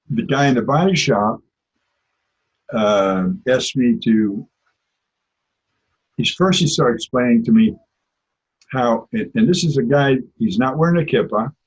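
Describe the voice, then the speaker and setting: Husky-voiced man teaching a religious class. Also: mid-range voice. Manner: conversational, tells personal stories. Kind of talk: informal religious lesson. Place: lives in Israel. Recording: dull lo-fi recording.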